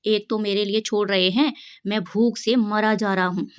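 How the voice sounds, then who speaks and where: A woman's voice: fairly even intonation, normal speed, clean tone, close to an everyday voice. A woman reading the part of a grumpy, hungry young boy who mutters his complaints under his breath. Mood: grumbling. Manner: low muttering asides.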